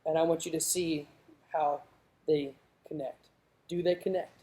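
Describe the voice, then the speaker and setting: Mellow-voiced youth preacher. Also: medium pitch, fairly even intonation, a little slow. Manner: conversational preaching, rising to emphatic. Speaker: youth pastor. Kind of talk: sermon. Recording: roomy echoing hall.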